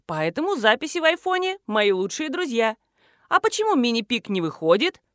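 A woman's voice: on the high side, very animated, fairly quick, fairly bright tone, no room sound, studio quality. Bookish polite professor, read by a woman. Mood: courteous. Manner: delicate, bookish, courteous. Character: polite pedantic male professor, the narrator's husband.

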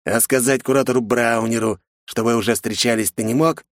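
A man voicing a stern, bossy, middle-aged male academy director in an audiobook, barking and scolding with drawn-out emphasis. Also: mid-range voice, fairly even intonation, no echo, studio quality, pitched above the performer's own voice, close to an everyday voice. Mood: angry. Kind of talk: audiobook character voice.

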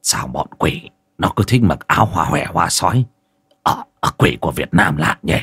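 A man voicing a foreign exorcist master who makes low, grumbling remarks. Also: animated, a little slow, a bit bright, slightly rough, full character voice.

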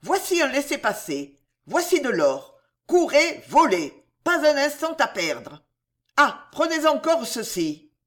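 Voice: high-pitched, big pitch swings, slow pace, a bit bright, voice pushed up, exaggerated voice. Narrator putting on an icy, ruthless old queen. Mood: cold urgency. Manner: icy, urgent commands. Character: cold ruthless aging queen, woman.

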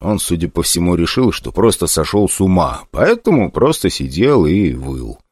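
A man giving an expressive, first-person narration of a fantasy audiobook. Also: deep voice, moderate pace, slightly rough, dry recording, clean studio sound.

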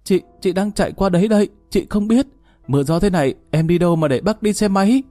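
An anxious, pleading young woman, as a male storyteller reads her. The voice is mellow and dark, recorded dry and close. Faint music sits underneath. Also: medium pitch, expressive, brisk, dry recording, natural voice. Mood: sobbing panicked. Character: young woman, scheming then tearful and remorseful. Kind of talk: storybook reading.

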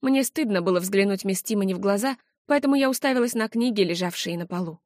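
A woman reading first-person narration from an audiobook in a steady, emotive storytelling voice. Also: mid-range voice, quick pace, no echo, studio quality.

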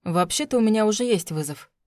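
A woman reading an audiobook, voicing a calm, cautious taxi driver of about fifty. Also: sits high, quick pace, dry recording, studio quality. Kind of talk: audiobook character voice.

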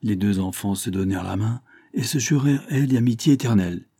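A man reading a classic story aloud as an audiobook narrator, in a measured, even manner. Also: fairly low pitch, no room sound, studio quality. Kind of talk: scripted narration.

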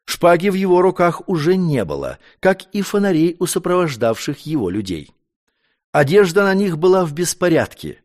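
A man narrating a historical story in an expressive, dramatic reading. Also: on the high side, moderate pace. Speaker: audiobook narrator.

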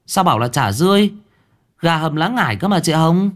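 A man's voice: fairly high pitch, very animated, a little fast, a bit bright, voice pushed up. A man voicing a cool, unbothered young woman with blunt questions. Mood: unimpressed.

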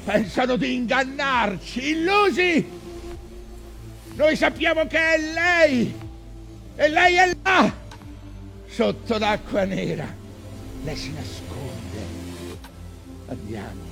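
Tormented Captain Ahab, slow and gravelly. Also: male voice, extremely high pitch, lively intonation, soft background music, exaggerated voice. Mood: commanding, furious. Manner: declamatory, swinging from hushed brooding to bellowed orders. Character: vengeful, obsessed old whaling captain, tormented and commanding. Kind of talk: theatrical stage monologue.

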